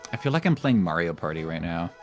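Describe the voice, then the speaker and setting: Male game streamer, casual and musing, lowish voice with animated swings, faint music underneath. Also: quick pace. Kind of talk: casual chat while gaming. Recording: music behind the voice.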